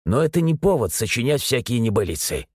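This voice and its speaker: A man voicing a gruff, bossy middle-aged stepfather who scolds and barks. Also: mid-range voice, sing-song, fairly quick, a little mellow, no echo, studio quality. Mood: reproachful. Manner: scolding, barking.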